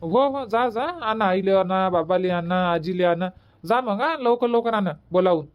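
Village fruit hawker, played by a man: cheery sing-song seller, raised pitch. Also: normal speed, clean tone, dull audio, lightly acted. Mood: friendly. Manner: calling out wares in a sing-song.

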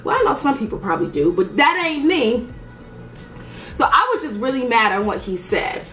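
A woman's voice: a little high, normal speed, roomy sound, soft background music. A woman telling a story in a casual chat while doing her makeup, blunt and profane, acting out what people said. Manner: animated, blunt and profane, acts out quoted dialogue. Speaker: beauty vlogger.

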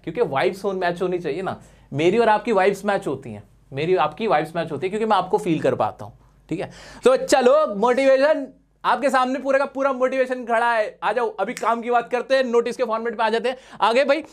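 A man's voice: high voice, fast. A male teacher giving a live exam revision class, talking in a chatty, teasing way and mixing in English terms.

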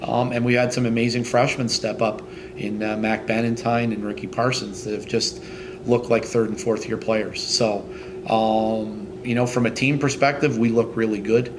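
A middle-aged man speaks as head coach in a post-game interview, his voice low and staying on an even, level pitch. He stops and restarts often and fills gaps with ums. A clear steady noise sits under the recording. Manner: halting, many fillers and restarts. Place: indoors in front of a team logo backdrop.

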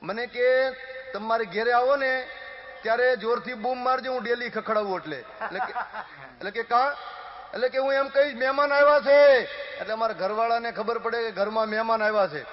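Performing live folk comedy storytelling, a stand-up comedian from Gujarat, India voices every villager and his wife he quotes in rapid back-and-forth. He has a very high voice, and amid audience laughter the hall recording comes across dull, with a long echo.

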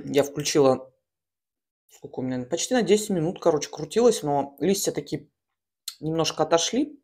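A woman's voice: deep voice, animated, darkish tone, breathy edge. Woman chatting mid-mukbang, chewing between phrases. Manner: talks while chewing and smacking, with pauses between bites; colloquial, slangy. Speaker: mukbang host. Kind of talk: casual mukbang chat while eating. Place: small room at home, at a table.

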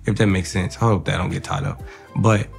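A man's voice: sits low, steady tone, brisk, gravelly, faint music behind. A man hosting a casual interview, teasing his guest in a slangy, joking way. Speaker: host.

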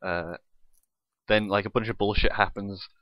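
A man's voice: lowish voice, fairly even intonation, normal speed, fairly bright tone, no room sound. A young man co-hosting a podcast, recapping a wrestling show play by play in casual chat and swearing freely. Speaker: podcast co-host.

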